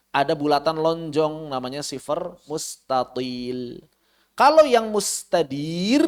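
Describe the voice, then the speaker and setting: A man with an Indonesian accent teaching Quran recitation rules in an online class. He chants the Arabic examples slowly and asks his students questions. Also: fairly high pitch. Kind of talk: online tajwid lesson. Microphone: online class microphone.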